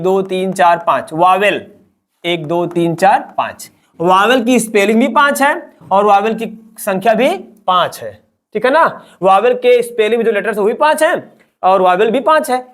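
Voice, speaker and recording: Man drilling the alphabet slowly. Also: sits high, fairly bright tone. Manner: drills letters slowly, asks and answers own questions; calls listeners children and uses friendly address. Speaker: English teacher. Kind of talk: classroom-style online lesson.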